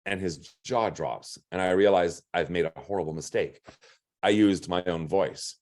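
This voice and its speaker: Wry gruff-voiced male storyteller. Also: low voice, moderate pace, darkish tone. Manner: wry, punchline-driven delivery. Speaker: storyteller and drag performer. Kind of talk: reading a personal story aloud.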